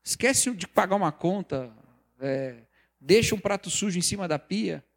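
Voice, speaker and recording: A man preaching a sermon, lively and conversational, acting out the quoted voices of people he talks about. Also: high voice, moderate pace, creaky. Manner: animated, acts out quoted voices, mocking examples. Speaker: pastor or preacher.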